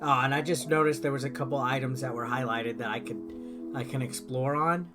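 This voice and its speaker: Brisk and fairly even in intonation, this medium-pitched male host offers relaxed, rambling gameplay commentary. He explains step by step, and his voice is layered over game music.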